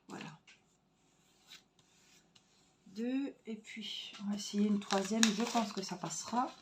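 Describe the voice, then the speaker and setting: A woman's voice: mid-range voice, gravelly, background noise. A woman vlogging at home, chatting casually to viewers as she crafts, thinking aloud with fillers, recorded on a phone camera. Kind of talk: casual tutorial chat while crafting. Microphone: phone camera on a stand.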